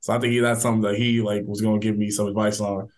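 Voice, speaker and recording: A young man, a college football player, answering interview questions in a relaxed, casual way full of fillers. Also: lowish voice. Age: young adult. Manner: relaxed, filler-heavy, quick talk.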